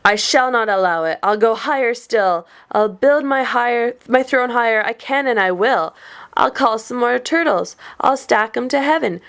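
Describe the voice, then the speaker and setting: Lady putting on a high bossy turtle king, bellowing and boastful, storybook voice. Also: moderate pace, a bit bright, clean tone. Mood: indignant.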